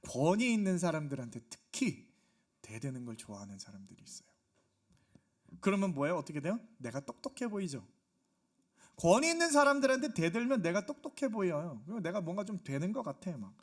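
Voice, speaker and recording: A man's voice: high voice, very animated, brisk. A male pastor preaching a Sunday sermon in a church, driving his points home with rhetorical questions and emphatic repetition. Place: church sanctuary.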